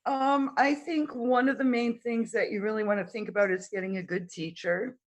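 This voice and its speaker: A middle-aged woman talking casually as a guest in an interview, halting with many fillers, her throat dry from talking. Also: on the high side, fairly even intonation. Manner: halting, many fillers and restarts, occasional coughs. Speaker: guest conductor. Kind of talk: casual interview over video call.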